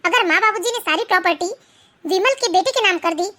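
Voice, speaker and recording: A woman voicing a selfish, sharp-tongued elder daughter-in-law in a cartoon, talking in a scolding, bossy way. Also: very high voice, fairly quick. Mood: bossy, scornful. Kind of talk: animated cartoon voice acting.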